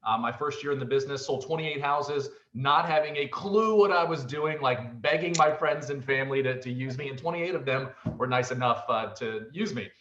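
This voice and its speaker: A man in his forties talks through a presentation in a quick, chatty, energetic way. His voice sits at a middling pitch. The sound is roomy and a little dull, like a lo-fi room recording. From Virginia, United States. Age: 40s. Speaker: real estate presenter. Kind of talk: casual presentation.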